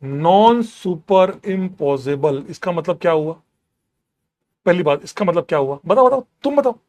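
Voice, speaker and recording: High-voiced man teaching chemistry. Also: a little fast. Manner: repeats questions, quizzes students, animated. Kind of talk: classroom lecture.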